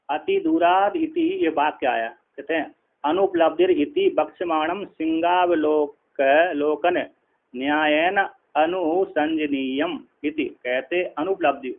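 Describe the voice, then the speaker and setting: A man with a somewhat high, gravelly voice gives a classroom commentary on a Sanskrit text. He chants the quoted lines slowly, then explains them in easy conversation and often checks that his listeners follow. The recording is tinny and narrow, like a phone line. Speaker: teacher of Sanskrit philosophy.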